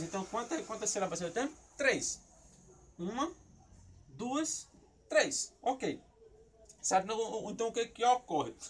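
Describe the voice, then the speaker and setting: A Brazilian man with a high-sitting, slightly bright voice teaches a recorded lesson on Hebrew syllables in a Brazilian Portuguese accent. His style is explanatory: he poses questions to himself, answers them, and often repeats words as he thinks.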